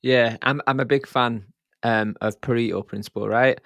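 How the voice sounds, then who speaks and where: A man's voice: mid-range voice, fairly even intonation, normal speed, vocal fry, a bit bright, no echo. A man hosts a casual podcast, asking questions in a chatty, joking way and poking fun at himself. His mid-range voice sits close and dry on the mic. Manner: chatty, jokey, self-deprecating. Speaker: podcast host. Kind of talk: casual conversational interview.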